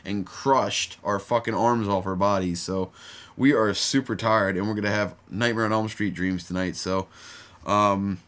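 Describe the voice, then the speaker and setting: A man's voice: fairly low pitch, steady tone, unhurried, fairly bright tone. A man hosting a horror podcast in casual chat, tired late at night, talking in a loose, rambling, profane way. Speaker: podcast host.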